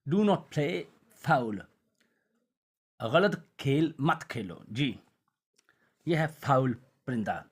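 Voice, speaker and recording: A man teaching an English vocabulary lesson, who reads example sentences very slowly and then explains them quickly. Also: medium pitch, very animated, husky.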